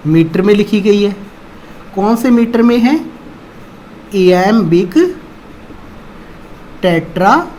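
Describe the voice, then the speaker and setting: A man's voice: high-pitched, lively intonation, a little mellow, a little hiss or hum. A man teaching English poetry, who asks questions and answers them himself while explaining. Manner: explains slowly, asks and answers his own questions, mixing Hindi and English. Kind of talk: online lesson on a poem.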